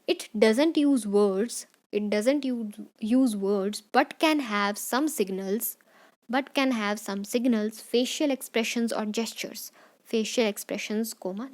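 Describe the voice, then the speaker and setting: A woman teacher with a fairly high voice. She runs an exam revision lesson, switching between Hindi and English. She repeats each point and reads English definitions out slowly, as if for notes.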